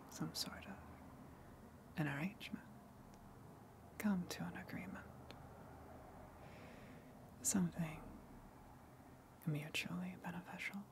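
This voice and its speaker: In an ASMR roleplay, a woman voices a tentacled sea monster luring the listener, coaxing in a soft, breathy, hushed whisper with long pauses. Her pitch is fairly low, and there is background noise.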